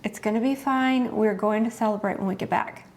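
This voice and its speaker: A middle-aged woman talks straight to her viewers in a relaxed, chatty way, earnest and heartfelt as she shares what matters to her. Her voice sits at an ordinary middle pitch, with a faint hiss behind it. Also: brisk. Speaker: host. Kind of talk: casual chat to camera.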